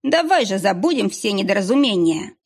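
A woman voicing a whiny, pleading middle-aged ex-husband with a drawn-out, whining delivery. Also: mid-range voice, sing-song, gravelly.

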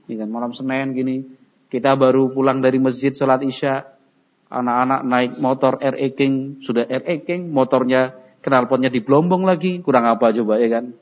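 A man's voice: medium pitch, steady tone, moderate pace. A man preaching a sermon in a folksy way, acting out everyday dialogues. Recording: dull recording in a reverberant hall.

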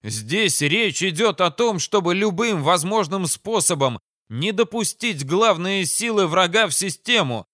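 A man's voice: high voice, animated, unhurried, dry recording, studio quality, pitched above the performer's own voice, full character voice. A man reading an audiobook, voicing a hot-headed male commander who angrily insists the enemy must be stopped at any cost. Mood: furious. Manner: agitated, forceful outbursts.

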